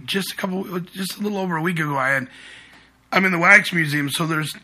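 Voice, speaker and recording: A man's voice: high voice, fast. A man telling his scare-actor stories in casual chat and acting out the people he quotes. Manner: animated storyteller who acts out the people he quotes. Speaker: guest who works as a haunted attraction scare actor.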